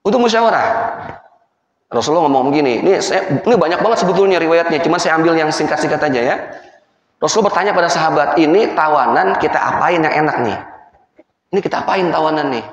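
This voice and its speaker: A male preacher delivers a lively sermon, acting out the dialogue and turning to his listeners with questions. His voice sits a little high for a man. It rings through a large, echoing hall with a long reverb, and the recording sounds slightly dull. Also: quick pace. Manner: storytelling with acted dialogue and asides to the audience. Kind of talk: lively religious lecture. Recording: echoey hall, muffled sound.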